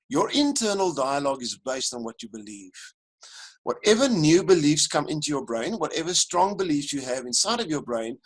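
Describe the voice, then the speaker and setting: A man leads a live coaching webinar, speaking to his audience directly and animatedly. His voice sits a little high for a man. He sounds like he is on a video call. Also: rough recording. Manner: animated, addresses audience directly, counts them in. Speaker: life coach and webinar presenter. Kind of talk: live online coaching lesson.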